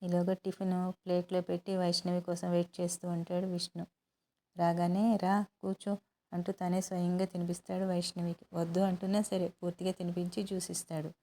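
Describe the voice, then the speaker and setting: Low, mellow woman telling a story. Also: a little fast. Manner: steady, plain storytelling. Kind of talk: story narration.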